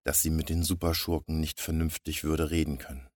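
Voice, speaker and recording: A man narrating a comic story in a steady storybook reading. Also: a bass voice, fairly quick, dry recording, clean studio sound.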